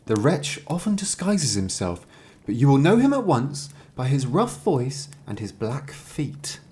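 Man reading as caring old mother goat, lively pitch. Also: a little slow. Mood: anxious warning.

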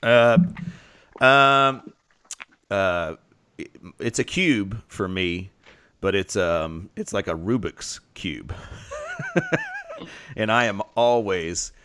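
A man's voice: on the low side, very slow, long pauses, bright, forceful tone, clean tone. A man with an Oklahoma accent hosting a casual podcast in a jokey, rambling way. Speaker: podcast host.

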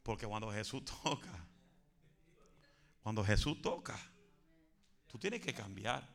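A man preaching a fervent Pentecostal sermon, building to shouts and dropping in English phrases. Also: fairly low pitch, animated, slow pace, creaky.

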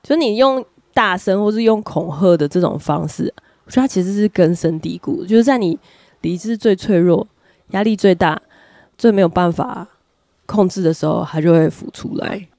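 Woman telling a lively story. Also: lowish voice, moderate pace, no room sound, clean studio sound. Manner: lively storyteller, laughs often while talking. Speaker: podcast co-host. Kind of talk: casual chat, personal storytelling.

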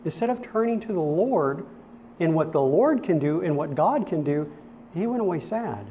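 Earnest preacher guy, kinda high voice, says things twice to drive them home, slow and deliberate. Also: dark tone, a little hiss or hum. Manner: earnest, repeats phrases for emphasis. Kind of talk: sermon.

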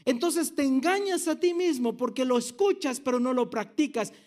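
A man's voice: very high voice, expressive, normal speed, darkish tone. A man. He asks the congregation questions and teases them with jokes as he explains the text. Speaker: pastor. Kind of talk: sermon to a congregation.

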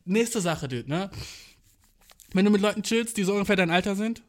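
Young man, twenties, high voice, casual rambling monologue, slangy, swearing, filler words. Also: a little fast. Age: 20s. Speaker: podcast host.

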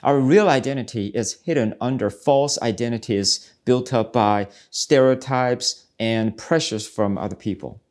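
A man's voice: medium pitch, measured pace, hardly any pauses, a little mellow. A man, hosting a ministry podcast in an earnest, reflective devotional talk. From South Korea. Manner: earnest, searching, preacherly. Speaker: podcast host, ministry speaker.

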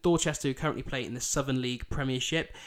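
A man's voice: medium pitch, fairly even intonation, quick pace. A man with a thick Yorkshire accent hosting a football podcast, previewing fixtures in an informal, chatty way. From Bridlington, East Yorkshire, England. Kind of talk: podcast fixture preview, part scripted, part casual chat.

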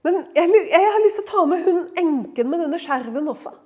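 A woman with a high voice gives a devotional talk at a women's retreat. She tells the stories in an animated way, acting out the characters' lines and moving between loud, excited passages and hushed, tender ones. Her casual asides keep the tone warm and conversational. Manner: lively storytelling, acts out quoted lines, swings from loud to hushed; conversational fillers, frequent laughter in voice.

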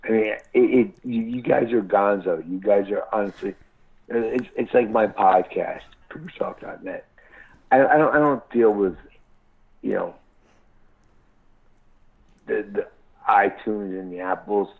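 A man's voice: fairly low pitch, measured pace, vocal fry, pauses often, husky. A man calling into a radio show over a crackly phone line that keeps breaking up, rambling, swearing and stammering through restarts. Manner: profane, stammering with many restarts. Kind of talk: rambling live call-in chat. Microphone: cell phone. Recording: tinny cell phone line.

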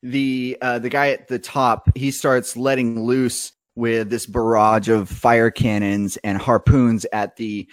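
A man's voice: medium pitch, little pitch movement, slow, few pauses, no room sound. Male game master, laid-back rambling narration, dry mic. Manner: loose, filler-heavy storytelling.

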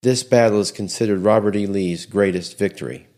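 A man's voice: on the low side, a little fast, darkish tone. A man hosting a history podcast, reading a scripted narration steadily, with small slips and restarts.

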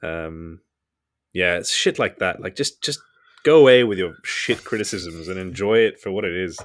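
A man in casual podcast conversation with a fairly low voice. He speaks frankly and swears freely. His thoughts come out in loose bursts, and he laughs often. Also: moderate pace. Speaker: podcast co-host. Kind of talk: casual chat.

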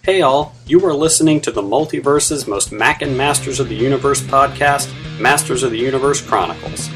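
A man's voice: mid-range voice, a little fast, fairly bright tone. Male promo voice over guitar music. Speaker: podcast promo presenter. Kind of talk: scripted podcast promo.

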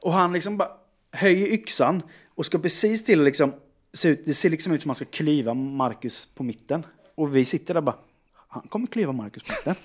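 Animated man telling a story. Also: a little high. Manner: animated storyteller who acts out quotes. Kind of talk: casual anecdote.

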